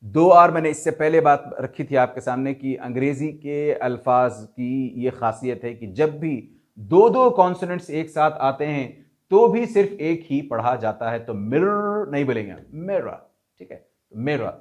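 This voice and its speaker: A man teaching English pronunciation in Hindustani, explaining slowly, repeating example words and spelling them out letter by letter. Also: mid-range voice, animated. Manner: Urdu-leaning Hindustani vocabulary. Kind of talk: spoken lesson.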